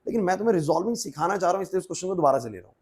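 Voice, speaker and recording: A man teaches physics to a class in a quick, high voice. He fires questions at students, calls them by name and keeps urging them to focus. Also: expressive, darkish tone, slightly rough. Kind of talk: classroom lecture.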